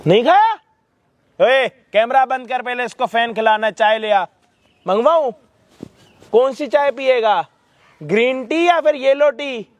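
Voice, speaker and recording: A man's voice: extremely high pitch, a little slow. A male host staging a street confrontation, scolding and mocking with abusive words.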